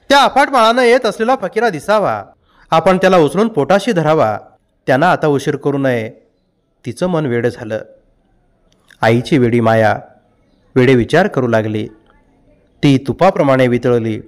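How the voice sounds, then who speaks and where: A man reads a novel aloud, telling the story with expression. His voice sits high and moves a lot. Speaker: narrator.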